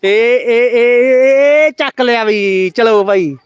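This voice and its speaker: A woman's voice: on the high side, slow, smooth, dry recording. A woman live-streaming outdoors on her phone, teasing children and calling out repeated commands at a village celebration. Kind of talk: casual live-stream commentary.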